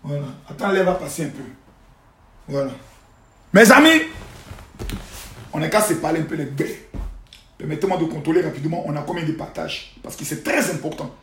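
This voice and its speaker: A man hosting a live social-media monologue, scolding and preaching in loud bursts with sudden quiet asides, speaking into a phone. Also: a little high, animated, normal speed, long pauses, slight background noise. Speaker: livestream host. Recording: roomy echo.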